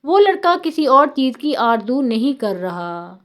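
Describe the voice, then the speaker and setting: A woman narrating religious stories in a calm, measured, scripted way. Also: high voice. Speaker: storyteller.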